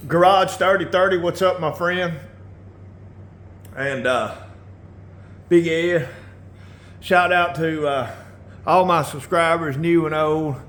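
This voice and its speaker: A man hosting a casual motorcycle how-to video in his garage, relaxed and rambling, often clearing his throat and coughing. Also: high-pitched, slight background noise. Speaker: motorcycle builder and channel host.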